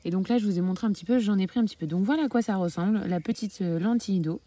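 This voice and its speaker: A woman's voice: mid-range voice, very fast, dark tone, no room sound. A woman from France talking casually about her hens in a homestead vlog, hesitating often with filler sounds. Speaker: backyard poultry keeper.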